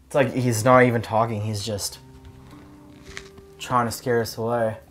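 Hushed, questioning male ghost hunter. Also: mid-range voice, flat delivery, unhurried, faint music behind. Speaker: paranormal investigator. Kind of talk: casual ghost-hunting chat.

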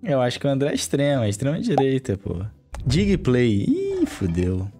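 A male streamer talks on a live stream in a lively voice that swings up and down. He hands out blunt, irreverent snap verdicts packed with slang. Faint music plays in the background. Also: mid-range voice, normal speed, breathy edge.

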